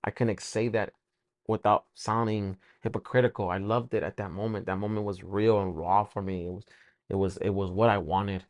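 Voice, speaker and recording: Low-voiced man giving an emotional testimony. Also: steady tone, no echo. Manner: emotional, halting, repeats words. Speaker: testimony speaker. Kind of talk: personal faith testimony.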